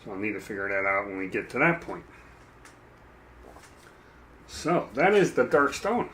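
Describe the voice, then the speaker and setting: A man chatting casually while he paints a miniature, rambling and self-deprecating, with a dry, froggy throat that he keeps clearing. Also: on the low side, sing-song, moderate pace, fairly bright tone, slight background noise. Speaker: mini painting streamer.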